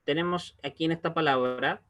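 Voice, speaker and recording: A man teaching an online language lesson, explaining slowly and patiently and often pausing to check that students follow. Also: on the high side, fairly bright tone. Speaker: Hebrew teacher.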